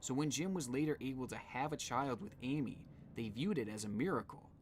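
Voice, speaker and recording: A man's voice: mid-range voice, a little fast, slight background noise. Man narrating a true-crime mystery. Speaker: video narrator.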